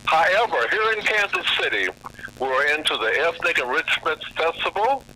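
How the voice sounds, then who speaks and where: A man hosting a call-in radio talk show, speaking in an unhurried way as he introduces callers and announces events. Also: on the high side, sing-song, sharp tone. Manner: unhurried, announcing and giving directions. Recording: noisy radio broadcast.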